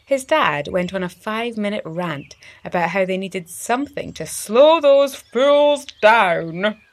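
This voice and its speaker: Reading a story meant for little kids, a woman in a mid-range voice hosts her series in an expressive, unhurried storytelling style.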